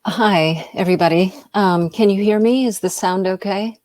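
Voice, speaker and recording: A woman's voice: mid-range voice, moderate pace, darkish tone, no echo. A middle-aged woman from the United States, giving an informal talk as an invited speaker, hesitant with many ums and uhs. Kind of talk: informal lecture over a video call.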